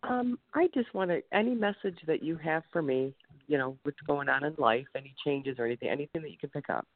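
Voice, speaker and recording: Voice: mid-range voice, no echo. Hesitant caller on a phone line. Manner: hesitant and halting. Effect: caller heard over a phone line. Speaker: radio show caller.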